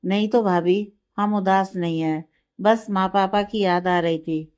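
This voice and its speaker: A woman voicing a quiet, sad young bride. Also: mid-range voice, fairly even intonation, measured pace, smooth, lo-fi sound, natural voice. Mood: subdued. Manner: soft, subdued. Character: sad young bride hiding her sorrow.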